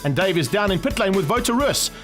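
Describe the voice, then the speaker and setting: A male motorsport commentator with a high-set voice calls the race. His delivery is that of a race broadcast, and music plays clearly behind him. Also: expressive, fast talker, fairly bright tone. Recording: music under the voice.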